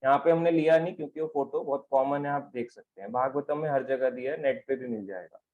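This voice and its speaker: A man's voice: mid-range voice, fast, narrow, tinny audio. A man giving a devotional talk on scripture, explaining step by step and asking questions that he then answers himself. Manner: explanatory, asks and answers his own questions. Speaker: spiritual teacher. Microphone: mic on a stand.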